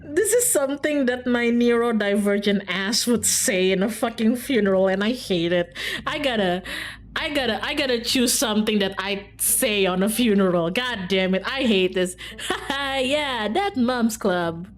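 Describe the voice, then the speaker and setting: This streamer is a woman playing a visual novel and reading it out, with giggly, informal remarks and frequent self-interruptions. Her voice is on the high side and animated, at a normal speed. There's a little hiss or hum, and music behind her.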